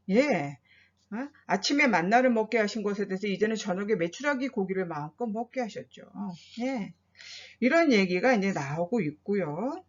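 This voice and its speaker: A woman's voice: fairly high pitch, dull audio. A woman pastor giving a Bible study lecture, asking her listeners questions and acting out quoted complaints and prayers. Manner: asks listeners rhetorical questions.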